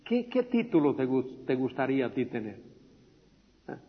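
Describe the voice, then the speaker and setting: A man's voice: medium pitch, very animated, normal speed, a little hiss or hum. A man teaching a Bible study in sermon style, retelling scenes and acting out the quoted speech in a raised voice, repeating phrases and asking his listeners rhetorical questions. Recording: dull lo-fi sound with a long echo in a large hall.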